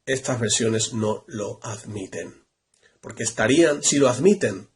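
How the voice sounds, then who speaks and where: A man's voice: medium pitch, measured pace. A man giving a Bible study lecture, reading verses aloud and stressing each point emphatically by repeating it. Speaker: Bible teacher.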